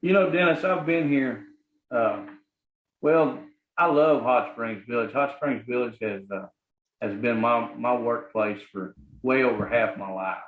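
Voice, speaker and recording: A man's voice: mid-range voice, measured pace. A middle-aged man with a Southern US accent, talking earnestly as an interview guest, rambling with lots of fillers. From Arkansas, US. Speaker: guest, property manager. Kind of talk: casual interview talk. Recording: echoey, phone-like sound.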